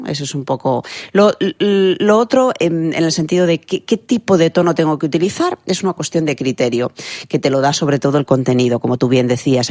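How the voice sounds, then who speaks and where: A woman voice expert from Spain, explaining her method in a lively, teacherly way during a remote interview. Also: low-pitched, dry recording, clean studio sound. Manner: didactic, lively, builds explanations with analogies. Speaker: guest voice expert.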